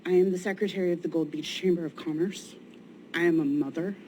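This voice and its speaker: Woman, low-pitched mellow voice, weary and shaky, earnest public statement, noisy meeting room. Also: fairly even intonation, quick pace. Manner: plain-spoken, earnest. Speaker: citizen giving public comment at a county meeting.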